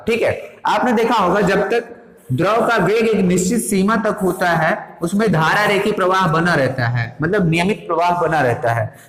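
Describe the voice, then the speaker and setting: A man teaching a lesson in a high voice, explaining patiently one step at a time. He keeps stopping to ask whether his students have understood. The sound is echoey, as if captured in a bare room with a long ring. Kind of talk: classroom physics lesson.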